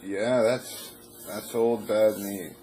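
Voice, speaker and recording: Low-voiced guy rambling to himself at home, lots of uh's, faint hiss. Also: steady tone. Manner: musing aloud, halting with fillers. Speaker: video host. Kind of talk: casual rambling commentary.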